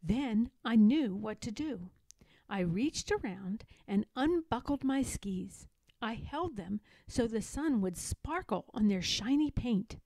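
A woman reads a children's picture book with lots of expression, her high-leaning voice swooping widely while her pace stays slow and key words get dramatic weight. Her intonation is lively and her tone mellow, with no room sound, though the recording quality is low.

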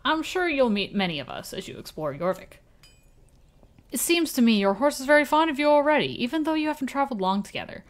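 A woman voicing a kindly older male village blacksmith in a vague put-on accent, reading game dialogue aloud in a formal, warm way. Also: sits high, very animated, fast, pitched above the performer's own voice.

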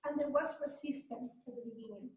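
High-voiced woman from Chile lecturing in an echoey room. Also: a little fast, a little mellow. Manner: conversational, self-deprecating, occasional light laughs. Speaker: guest speaker. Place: university seminar room. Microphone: far room camera. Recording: distant echoey room mic.

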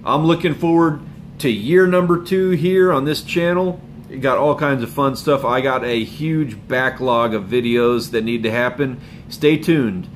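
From a home room with bookshelves and a window, a man runs a live stream for his fishing channel, chatting loosely with viewers while hoarse from a cold. His mid-range voice is unhurried, rambling and laid-back, full of chuckles and filler words. The phone camera sits close, and a little background noise comes through.

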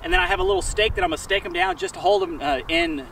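A man's voice: high voice, very fast. Tired man vlogging outdoors. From Texas. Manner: relaxed, chatty, many fillers like "uh". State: tired after a day's work. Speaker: homesteading vlogger. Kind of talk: casual vlog talk to camera. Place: outdoors on a rural property. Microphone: camera mic, from a distance. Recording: distant outdoor camera audio, faint noise.

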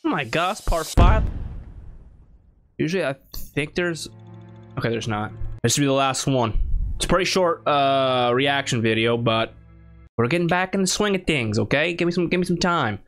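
Excitable young man, slightly high voice. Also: normal speed, faint music behind. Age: young adult. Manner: slangy, excitable. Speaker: reaction video host. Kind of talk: casual reaction commentary.

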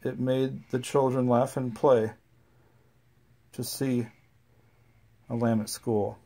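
At home, a parent reads nursery rhymes aloud and chats with a small child in a relaxed, sing-song way. The voice is mid-range and the pace slow.

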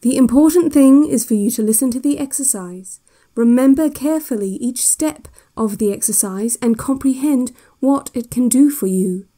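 In an audio drama, an actress with a high-pitched voice plays a relaxation-cassette instructor who is calm and controlling. Her measured, soothing, deadpan instructions carry a quietly sinister edge.

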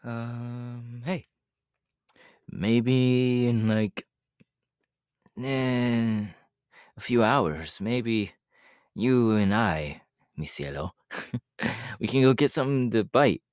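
[name], a man playing an easygoing, slow-talking young student. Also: medium pitch, a little mellow, smooth, no room sound, studio quality. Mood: easygoing, friendly. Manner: hesitant, chuckling, informal, speaking straight to the listener. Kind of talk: ASMR audio roleplay, one-sided casual chat.

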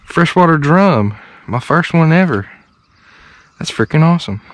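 A man, chatting to viewers in an excitable, casual way while fishing outdoors on a riverbank. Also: a little high, unhurried. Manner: excitable, talks to viewers as "boys". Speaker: fishing vlogger. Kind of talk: casual vlog commentary. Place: outdoors on a small boat and riverbank. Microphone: body-worn action camera.

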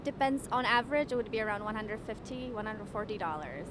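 A young woman from Ethiopia working as a waitress, answering street interview questions in a measured, polite way. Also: medium pitch, animated, fairly bright tone. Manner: measured and polite, occasional stammered restarts. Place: outdoors on a city street. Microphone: handheld microphone held by interviewer. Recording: street noise outdoors.

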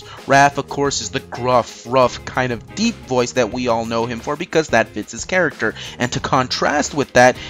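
A movie review host leads an opinionated countdown commentary, conversational and emphatic, with sarcastic asides. His voice is medium-pitched with a fairly bright tone, and music plays in the background.

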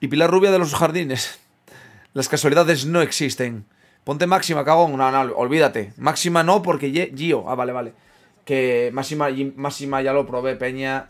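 A young man giving casual commentary while playing a football management game, chatting with viewers, swearing and yelling at big moments, then muttering low. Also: normal speed. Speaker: gaming streamer. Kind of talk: casual live gameplay commentary.

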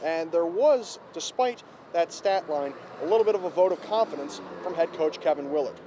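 A young man reporting a postgame recap outdoors on a handheld mic, brisk and stat-heavy. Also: fairly high pitch, lively intonation, dark tone. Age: young adult. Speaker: student sports reporter. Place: outdoors in front of an arena. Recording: faint street noise outdoors.

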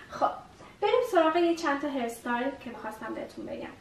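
A woman's voice: sits high, expressive, distant mic, a little hiss or hum. A woman teaching English vocabulary, repeating each new word several times as she explains it. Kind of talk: vocabulary lesson. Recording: echoey room, voice a bit off-mic.

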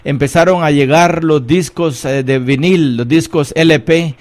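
A man's voice: on the high side, a little slow. A man hosting a music talk show who interviews his guest with enthusiastic praise. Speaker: radio show host.

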